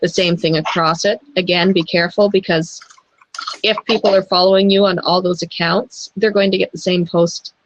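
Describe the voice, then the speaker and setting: A woman's voice: on the low side, fairly even intonation, moderate pace, a little hiss or hum. A woman co-hosting a casual online chat, giving earnest advice and repeating her warnings, heard over a video call. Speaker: co-host. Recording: dull lo-fi online call audio.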